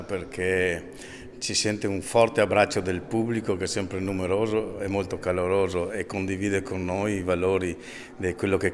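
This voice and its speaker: A man with a very low voice talks about his choir in an earnest, reflective manner. He speaks fluently as the director. His voice carries a long reverb, with faint ambience behind it. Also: a little hiss or hum. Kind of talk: interview answer.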